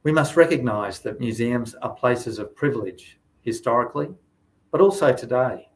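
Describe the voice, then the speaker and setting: A man delivering formal, measured prepared remarks in a webinar. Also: mid-range voice, expressive, low-quality recording. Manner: formal, measured, read-out phrasing. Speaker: museum director speaker.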